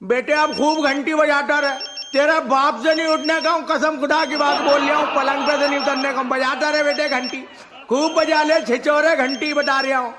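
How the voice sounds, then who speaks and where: A man's voice: very high voice, fairly even intonation, normal speed. A man in a comic sketch, irritable and scolding, laughing as he rants. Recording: hall reverb with clear noise.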